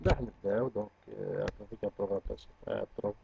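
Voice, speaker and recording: A man's voice: lowish voice, steady tone, racing, vocal fry, phone-quality sound, background noise. A man teaching a programming review lesson, mixing French terms into his speech.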